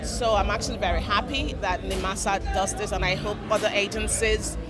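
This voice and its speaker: A man answering interview questions in halting, hesitant phrases. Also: high voice, steady tone. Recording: loud music behind interview.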